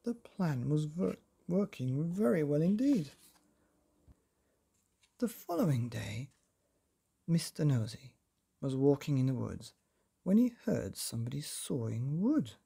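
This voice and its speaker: Reading aloud from a children's book at bedtime, a man tells the story expressively and deliberately, pausing for drama. His voice is a little high, slightly rough, and has vocal fry.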